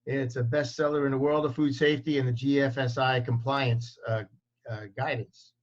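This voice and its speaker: A man's voice: mid-range voice, flat delivery, normal speed. Man hosting a video-call meeting. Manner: reads the bio with many fillers. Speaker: meeting host. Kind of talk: speaker introduction. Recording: dull lo-fi video call audio.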